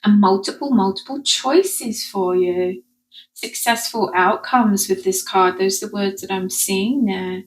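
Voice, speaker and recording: A woman's voice: mid-range voice, a little slow, low-quality recording. A woman with an Essex accent who drops her T's into glottal stops, giving a casual, rambling intuitive card reading to viewers and often checking in as she goes. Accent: Essex English. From Essex, England. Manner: chatty, rambling, frequent checking "okay?". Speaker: spiritual card reader.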